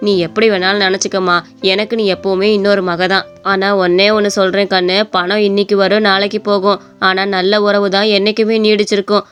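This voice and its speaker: A woman voicing a kind elderly mother-in-law who speaks calmly and soothingly. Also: mid-range voice, a little fast, clear, resonant tone, soft background music, pitched below the performer's own voice, lightly acted. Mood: tender advice. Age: older. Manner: calm, soothing and advising.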